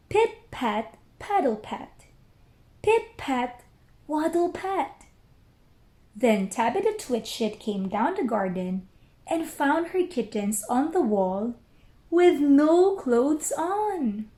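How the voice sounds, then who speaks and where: A woman reads a children's story aloud, pausing carefully as she goes. Her fairly high voice is very expressive and unhurried. The room has a noticeable echo.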